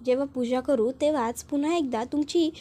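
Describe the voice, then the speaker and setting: Woman reading as a smooth-talking priest. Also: high voice, a little fast, dark tone, natural voice.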